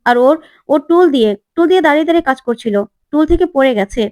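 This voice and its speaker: A woman voicing a shifty young husband defending himself in a hurried way in a retold TV serial. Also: sits high, darkish tone, no room sound, studio quality, voice pushed up, close to an everyday voice. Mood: defensive.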